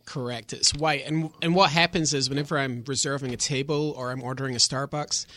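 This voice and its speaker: A man on a radio show as a guest, chatting with good humor. His voice is bright and forceful, and it sounds close and dry on the studio mic. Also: medium pitch, fairly even intonation, fairly quick, no room sound. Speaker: radio guest, market reporter. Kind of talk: casual radio talk.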